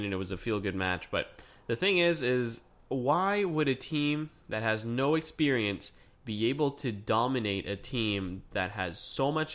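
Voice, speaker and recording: A man hosting a podcast, talking through a casual solo review in a chatty, excitable way with lots of fillers. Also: mid-range voice. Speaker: podcast host.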